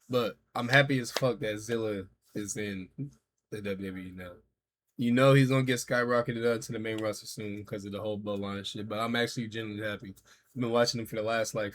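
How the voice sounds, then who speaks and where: A man's voice: fairly low pitch, fairly bright tone, a little hiss or hum. A man in his thirties, a streamer, reacting casually and talking to his chat in loose, profane slang. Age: 30s.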